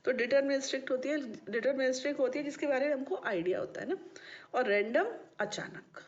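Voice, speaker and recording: In a high, slightly fast voice, a woman gives a classroom maths lecture to students, often checking that they have understood. The recording is dull and lo-fi.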